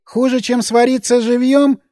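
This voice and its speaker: A man voicing a timid, frightened, childlike grown man who talks about himself in the third person, pleading in a high whiny voice. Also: little pitch movement, moderate pace, no echo, clean studio sound. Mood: nervous insistent. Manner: frantic pleading, hushed hissing, high and whiny. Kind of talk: audiobook character voice.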